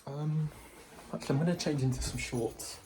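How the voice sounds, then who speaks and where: With a warm tone and a slightly high voice at a moderate pace, a twenties-aged vlogger chats into his handheld phone at his grandparents' house and garden. He rambles and keeps restarting sentences, over slight background noise.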